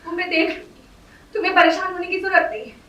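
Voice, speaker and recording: A stage actress playing a defiant, desperate wife with tearful outbursts, recorded from afar in an echoey auditorium. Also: female voice, very high voice, fast, sharp tone, distant mic, highs cut off. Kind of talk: stage play acting. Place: theatre stage.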